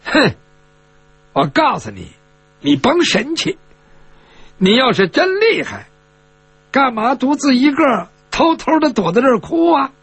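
A man's voice: extremely high pitch, wildly swooping pitch, a little slow, pauses often, fairly bright tone, husky, no echo, voice pushed up, heavily acted. A man voicing an arrogant, spoiled young male swordsman who taunts and needles. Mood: sneering.

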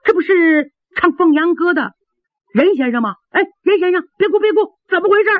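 A woman's voice: very high voice, animated, a little fast, no room sound, voice pushed up. A woman storyteller voicing a fawning male gate officer who placates with smiles and scolds his men, on a dry, phone-like recording. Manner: obsequious, placating.

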